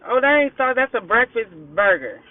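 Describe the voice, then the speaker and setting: A man's voice: very high voice, big pitch swings, brisk, no room sound. An American man chatting casually to viewers during a mukbang in a car, talking with his mouth full and murmuring between bites. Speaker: food vlogger. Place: inside a parked car. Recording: thin phone-like sound in a car.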